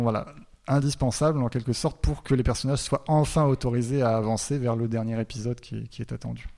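A man gives a lecture with a gravelly, creaky voice at a middle pitch. He hesitates often, repeating words and filling pauses. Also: dark tone.

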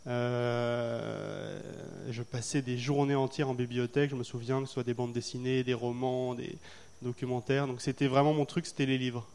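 A man's voice: medium pitch, flat delivery, normal speed, vocal fry, a little mellow, clean tone. A man from France, an author being interviewed, speaking thoughtfully with frequent hesitations. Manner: thoughtful, hesitant with many fillers. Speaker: author guest. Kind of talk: festival interview.

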